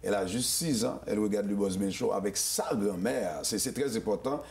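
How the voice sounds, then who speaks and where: Animated male host. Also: on the low side, fairly quick, gravelly, roomy sound. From Haiti. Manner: animated, stammering restarts. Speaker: show host. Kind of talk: casual interview.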